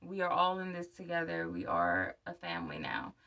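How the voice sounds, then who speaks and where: Bright-voiced woman in her thirties with new dentures. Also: fairly low pitch, sing-song, moderate pace, gravelly, highs cut off. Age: 30s. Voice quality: speech of a new denture wearer. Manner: candid, encouraging direct address. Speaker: vlogger. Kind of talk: casual personal video update talk to viewers. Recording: voice somewhat far from the mic.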